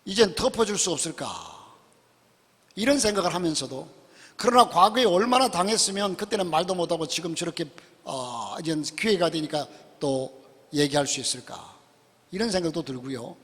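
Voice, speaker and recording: A man preaching a sermon as a pastor in a church sanctuary, swinging between loud emphatic rises and quiet asides. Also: on the high side, animated, a little fast, husky. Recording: long church hall reverb.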